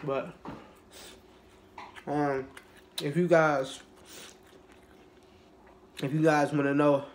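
A young man in a casual mukbang vlog, who rambles in a relaxed, low-energy way with lots of fillers and restarts and has a cold. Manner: low-energy, laid-back. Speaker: YouTuber.

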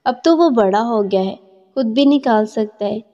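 Doing the voice of an accusing husband in middle age, a female narrator sounds gruff, stern, and distrustful, performed expressively. The tone is fairly high and soft, captured in muffled lo-fi audio with a lingering reverb.

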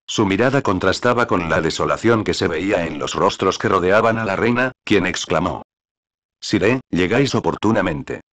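A male audiobook narrator tells the story in an even, deliberate way. His voice sits very deep and low.

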